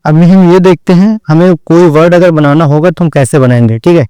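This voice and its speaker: A man's voice: on the high side, fairly even intonation, a little fast, mellow, smooth, dry recording, low-quality recording. A man teaching an online shorthand lesson, explaining each step and repeating "theek hai" after every point as he addresses his students directly. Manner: drills points over and over.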